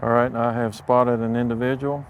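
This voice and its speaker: A sheriff's deputy, a man, calling out flat police orders through a megaphone loudspeaker, outdoors by a park tree line. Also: mid-range voice, moderate pace, slight background noise, poor audio.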